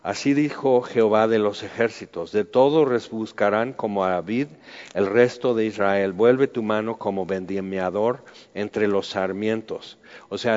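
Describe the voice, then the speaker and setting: A man's voice: lowish voice, a little mellow. A man preaching, reading Bible passages aloud and commenting on them in a loose, conversational way. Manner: reads scripture then comments in a loose conversational way. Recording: dull roomy recording with long reverb.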